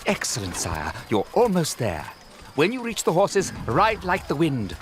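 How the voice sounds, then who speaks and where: A man's voice: a little high, huge pitch swings, unhurried, faint music behind. A man playing a loyal medieval retainer, guiding his lord with deferential, earnest urgency in a game. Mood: urgent. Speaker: tutorial guide. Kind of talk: game character instructions.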